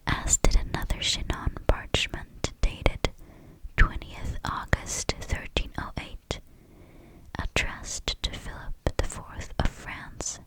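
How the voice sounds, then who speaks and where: Slow ear-to-ear whispering woman, ASMR. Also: low-quality recording. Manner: whispering close into the listener's ears, moving ear to ear; slow, measured scripted reading. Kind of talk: whispered ASMR reading of a history text. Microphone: close-up stereo microphone.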